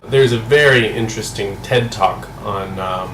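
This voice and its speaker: A man's voice: on the low side, unhurried, fairly bright tone. An American man vlogging in a casual, musing way, often asking himself questions. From United States. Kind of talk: casual vlog monologue to camera. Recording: echoey room, mic at a distance, air conditioner hum.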